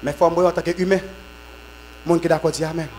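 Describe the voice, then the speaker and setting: High-voiced preacher, fervent sermon. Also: male voice, level tone, fast, slight background noise, low-quality recording. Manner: shouts in fervent bursts with repeated amens, drops low when teaching. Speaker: apostle preaching at a conference.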